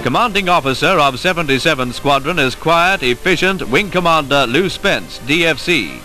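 A man giving a brisk, upbeat 1950s-style commentary, played from an old newsreel. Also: a little high, animated. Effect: old newsreel narration. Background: loud music bed.

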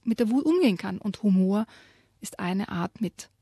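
A woman co-hosting a radio show, lively retelling and reading aloud a children's story, giving quoted lines their own voice. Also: mid-range voice, moderate pace, slightly rough, no echo, studio quality. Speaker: radio co-host presenting children's books.

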